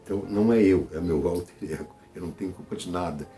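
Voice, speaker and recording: A man with a Brazilian Portuguese accent speaks to his audience in an easygoing vlog monologue. His voice sits a little low and sounds mellow and relaxed. He circles back over his own phrases, checks in with listeners often, and faint music plays behind him. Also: fast. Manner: conversational, repeats phrases, frequent "tá?" tags. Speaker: channel host.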